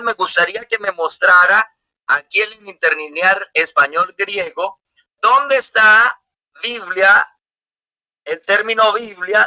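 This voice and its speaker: A man, a pastor on a video call in a religious debate, speaking haltingly with restarts. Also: high-pitched, pushed and bright, low-quality recording. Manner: halting, fumbles with his camera and restarts words.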